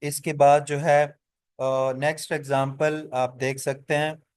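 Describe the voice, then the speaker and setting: A man teaching pronunciation in a classroom-style explanation. He moves through each example deliberately and repeats every vowel sound several times. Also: fairly high pitch, level tone, smooth, dry recording. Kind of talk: classroom explanation mixing Hindi and English.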